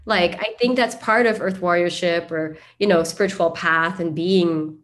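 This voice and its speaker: A woman with a lowish, fairly bright voice hosts a spiritual summit interview, keeping a steady tone at a normal pace. She muses out loud eagerly, her speech full of fillers.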